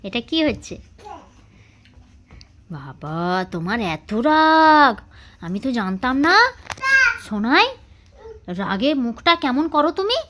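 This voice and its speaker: A woman using playful, coaxing baby talk with small children at home. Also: fairly bright tone. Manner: sing-song, coaxing, teasing, high-pitched. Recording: noisy home recording.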